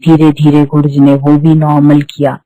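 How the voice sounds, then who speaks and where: A woman's voice: low-pitched, completely flat delivery, moderate pace, mellow, rough recording. A middle-aged woman, telling her spiritual testimony earnestly and repeating herself as she goes. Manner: earnest, repetitive storytelling with restarts. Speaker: devotee giving testimony.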